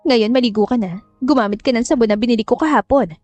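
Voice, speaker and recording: A woman's voice: fairly high pitch, quick pace, darkish tone, no room sound, faint music behind, close to an everyday voice. A woman voicing a cold, manipulative mother who gives curt orders and coaxes her daughter. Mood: coaxing commands. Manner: curt, commanding, coaxing. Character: cold, scheming, chain-smoking mother.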